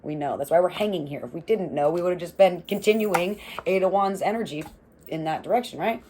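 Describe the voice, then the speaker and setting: A young adult woman giving a casual tarot reading, swearing freely, laughing often and rambling in an animated way. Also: fairly low pitch, fairly quick, background noise. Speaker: tarot reader.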